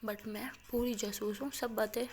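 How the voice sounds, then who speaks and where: A woman's voice: a little high, fairly even intonation, normal speed, darkish tone, close to an everyday voice. A woman voicing a cheerful young college woman who teases and brushes things off in a told love story. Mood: teasing. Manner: teasing, dismissive, jokey. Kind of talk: storytelling with acted dialogue.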